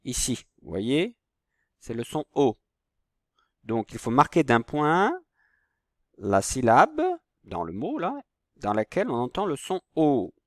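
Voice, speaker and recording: A man's voice: medium pitch, huge pitch swings, dry recording, clean studio sound. A man teaching a phonics lesson to young children, patient and stretching out each word. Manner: slow, patient, stretches words out.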